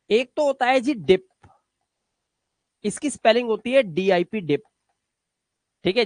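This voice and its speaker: A man's voice: sits high, no room sound. A man teaching English pronunciation to students, repeating words one by one and checking in after each point. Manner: repeats words slowly, drills with frequent "theek hai?". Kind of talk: classroom lesson explaining to students.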